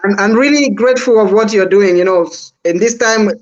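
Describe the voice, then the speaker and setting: A man with a high-pitched voice and an East African accent chats casually and briskly as a guest on a live stream. The online call sounds dull.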